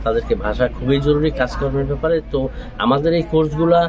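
A man's voice: fairly high pitch, fast. A middle-aged man with a Bangladeshi accent giving a hesitant interview statement as a school president. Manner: hesitant, repeating himself. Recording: clear ambient street-like noise.

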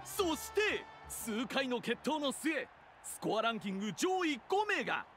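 An excited arena announcer for a fantasy game, calling the event in a very high voice that swings in pitch. Game music plays behind his rousing commentary. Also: measured pace, exaggerated voice. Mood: ceremonial. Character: excited male tournament announcer, booming and rousing.

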